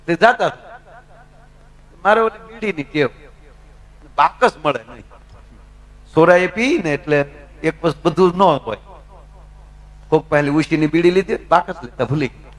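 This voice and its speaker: This middle-aged man from Gujarat, India, speaks with a Gujarati accent as a folk comedian, telling chatty anecdotes live on stage and bantering with the crowd. His voice runs on the high side at a normal pace, broken by frequent pauses.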